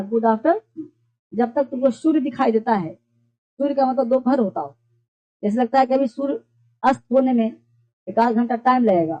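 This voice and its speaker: A woman teaching a basic English class, explaining phrases patiently and quizzing her students with repeated questions. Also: a little high. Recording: dull lo-fi classroom recording.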